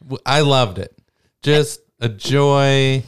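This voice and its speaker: A podcast co-host chatting casually about a movie, relaxed and agreeable with short affirmations. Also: mid-range voice, takes it slowly, clean tone.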